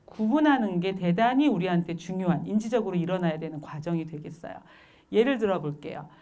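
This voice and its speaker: A woman's voice: on the low side, a little fast. A woman parenting educator giving a lecture and asking her listeners questions as she goes. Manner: asks the audience questions, lively and expressive.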